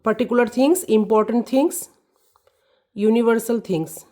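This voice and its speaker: A woman's voice: fairly high pitch, normal speed, a little mellow. A woman teaching an English lesson to children, often repeating key words and checking that they understand.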